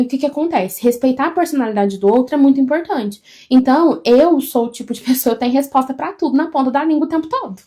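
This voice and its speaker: A woman, co-hosting a casual live stream from home, talking loudly and expressively. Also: high voice. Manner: loud, expressive and fast-flowing.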